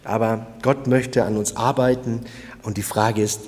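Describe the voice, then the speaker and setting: A man preaching a sermon, emphatic and swinging between loud and quiet, speaking directly to the congregation. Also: fairly low pitch, fairly even intonation, unhurried, long reverb tail. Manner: emphatic, rising and falling in volume, addresses listeners directly.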